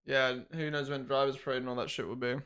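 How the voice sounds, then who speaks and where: A man's voice: medium pitch, level tone, fast talker, a bit bright, smooth. A man hosting a live watch-along, talking loosely and swearing now and then. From New Zealand. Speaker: live stream host.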